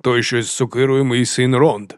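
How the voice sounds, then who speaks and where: In this audiobook character voice, a man plays a grinning, heavyset hill chieftain whose drawling sing-song swings suddenly between hushed murmurs and loud boasts, merry and unsettling at once. His natural, smooth voice holds a steady tone at typical male pitch and normal speed, in a dry, close recording without room sound.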